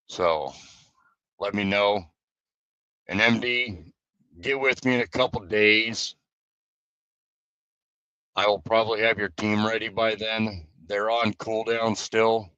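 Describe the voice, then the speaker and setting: Bright-voiced man on a casual live stream. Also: lowish voice, little pitch movement, measured pace, long pauses, clean tone, no room sound, muffled recording. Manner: loose, rambling, with fillers and restarts. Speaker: streamer and guild leader.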